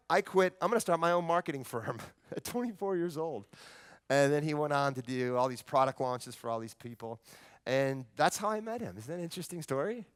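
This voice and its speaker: Presenter type, man, smooth and resonant, animated storyteller working a seminar stage, mid-range pitch.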